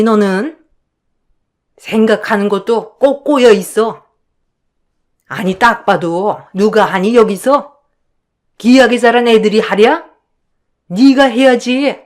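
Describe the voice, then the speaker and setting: A woman voicing a harsh, nagging older mother-in-law in a spoken storybook, scolding with contempt and a biting, sharp-tongued manner. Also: a little high, lightly acted.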